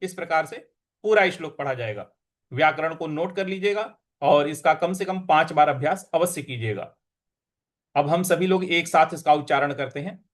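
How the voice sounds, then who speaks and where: A man teaching Sanskrit verse pronunciation, breaking words into syllables slowly and repeating them with care. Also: on the high side. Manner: slow, deliberate syllable-by-syllable drilling. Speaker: Gita recitation teacher. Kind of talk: Sanskrit pronunciation lesson with chanting.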